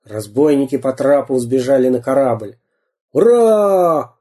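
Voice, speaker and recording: A man narrating a children's story in an unhurried, expressive storytelling style. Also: medium pitch, slightly rough.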